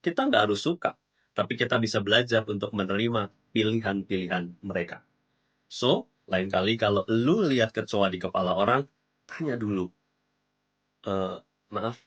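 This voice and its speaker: A man hosting a vlog, telling a story in a casual, slangy way and speaking straight to the viewer, with bouncy jumps in pitch for emphasis. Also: brisk, breathy edge, lo-fi sound. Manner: chatty, slangy, addresses the viewer directly. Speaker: vlog host.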